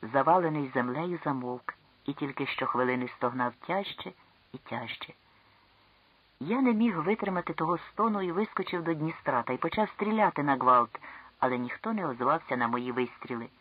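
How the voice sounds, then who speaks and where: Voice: medium pitch, animated, normal speed, breathy edge, dry recording, lo-fi sound. An audiobook reader narrating a classic story with tense, dramatic storytelling.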